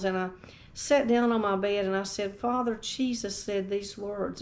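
Earnest woman preaching a sermon. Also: medium pitch. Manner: earnest, reads scripture aloud and tells a personal testimony. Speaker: pastor.

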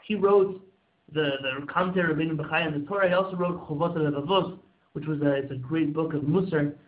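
A man with a fairly high voice delivers a motivational religious sermon as a rabbi. He is earnest and exhorting, leaning on repetition and rhetorical questions. The recording is thin like a phone line, with strong room echo. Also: fairly even intonation, fast. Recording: echoey room, phone-like muffled audio.

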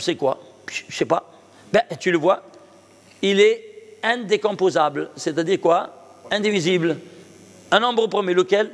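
High-voiced rabbi quizzing his class. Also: vocal fry. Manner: asks questions and answers them himself; checks understanding with the audience. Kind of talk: Torah lesson on numerology. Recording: long reverb of a hall.

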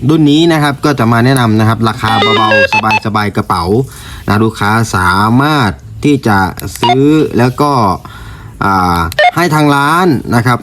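A man giving a polite, informal product presentation as a shop presenter, explaining and repeating his points. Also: mid-range voice. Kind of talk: informal product review to camera. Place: indoor room used for recording videos. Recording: clear background noise in room.

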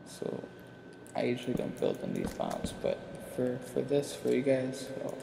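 A man's voice: mid-range voice, huge pitch swings, unhurried, vocal fry, noisy background. A young man giving rambling, informal gameplay commentary as a YouTuber, with a slight speech impediment from wearing a retainer. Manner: rambling, informal, self-deprecating. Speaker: gaming YouTuber. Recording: roomy, echoing sound with music behind. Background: music.

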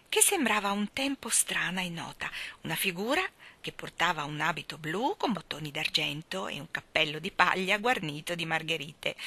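A woman narrating a children's story as an expressive reader, dropping to a hush in quiet passages. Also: lowish voice. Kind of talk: audiobook reading.

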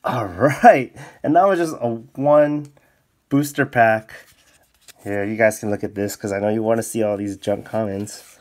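Slow-talking excitable man unboxing cards. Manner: excitable, bursts into high exclamations. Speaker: card-opening YouTuber. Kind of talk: casual unboxing commentary. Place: indoors at a desk, off camera.

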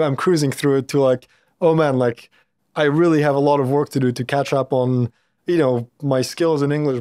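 A Polish-born man in his thirties speaks as an interview guest in a podcast studio, on a boom-arm mic. He is thoughtful and circles back often with fillers and restarts. His pitch sits in the middle and the sound is dry and close. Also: dark tone, no echo. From Poland. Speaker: startup founder and CEO, guest. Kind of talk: casual interview talk.

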